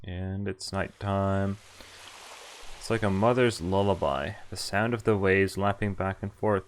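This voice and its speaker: Reading a visual novel aloud on stream, a man keeps stumbling over lines and correcting himself, tossing casual asides to chat. He speaks low and steady at a measured pace, with some hiss or hum and the game's music in the background.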